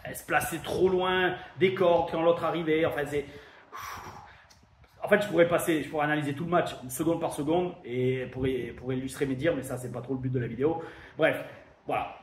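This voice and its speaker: A man's voice: on the high side, steady tone, a little fast. A man from France giving a chatty, emphatic review monologue as host of his wrestling show. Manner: chatty, emphatic, thinks aloud. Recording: echoey room with faint noise.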